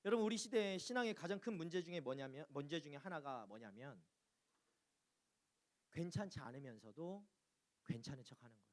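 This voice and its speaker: A man's voice: on the high side, animated, fairly quick, long pauses. A male pastor preaching a sermon, addressing the congregation with repeated questions and acting out anguished cries to God. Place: church.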